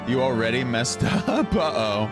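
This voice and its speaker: A man's voice: mid-range voice, very animated, unhurried. A man chatting playfully and casually with viewers as he comments on his gameplay. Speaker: game streamer. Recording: game music behind the voice.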